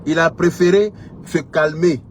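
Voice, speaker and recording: Speaking at a measured pace in a slightly high voice, a man with an Ivorian French accent, a social media commentator, launches a heated direct-address rant. He scolds with repeated lines and rhetorical questions over slight background noise.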